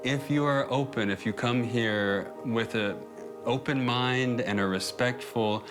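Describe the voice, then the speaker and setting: This clip features a man from the United States, in his thirties, appearing in a documentary as an immigrant describing life abroad over background music. He speaks at a measured pace with a medium pitch, relaxed and keen, occasionally restarting a phrase, as the talk shifts between voice-over and casual conversation.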